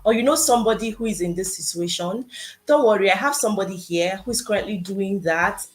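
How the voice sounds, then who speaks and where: A woman's voice: mid-range voice, a little fast. A woman hosting her own channel, talking directly to viewers in a casual, chatty way and interviewing a guest. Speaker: host.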